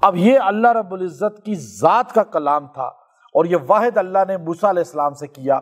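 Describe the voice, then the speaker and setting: High-voiced male preacher telling a story. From Pakistan. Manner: storytelling, asks listeners questions, slows down for recited scripture. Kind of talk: sermon.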